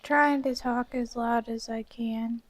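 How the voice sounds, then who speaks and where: Slow-talking woman co-host on a headset mic. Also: on the high side, fairly even intonation. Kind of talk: casual livestream chat. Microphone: headset mic, very close.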